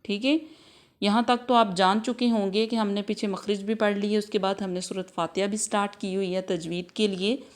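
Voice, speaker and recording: A woman with an Urdu accent leads a Quran recitation lesson in a steady, patient teaching voice. She drills each letter sound three times over and slips English words into her explanations. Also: medium pitch, normal speed. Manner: mixes Urdu with English words like next, practice, examples. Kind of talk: tajweed lesson with repetition drills.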